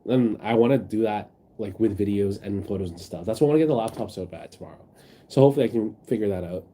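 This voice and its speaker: Sick and sniffly, a man rambles through a casual stream, reading his viewers' messages aloud with lots of ums and likes. He talks fast in a slightly low, mellow, soft-edged voice captured on a phone, with a bit of background noise.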